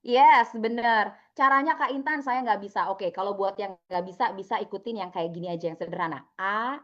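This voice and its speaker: A woman's voice: mid-range voice, fairly quick, muffled recording. A young woman coaching participants over a video call, upbeat and chatty, calling on people by name. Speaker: online trainer. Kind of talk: live video-call training session.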